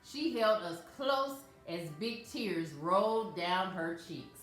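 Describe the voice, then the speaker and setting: A woman reading a picture book aloud to children as a storyteller, in a gentle, measured way. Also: lowish voice, animated. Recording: very echoey room, faint music.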